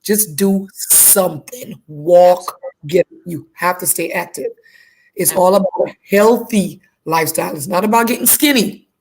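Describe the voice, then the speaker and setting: A woman from Guyana talks about her fitness classes in a casual interview over a video call. Her voice sits a little low and she stays upbeat, often circling back to restate what she just said. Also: a little slow, a little mellow, breathy edge. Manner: upbeat, repeats herself while explaining. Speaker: fitness instructor, guest.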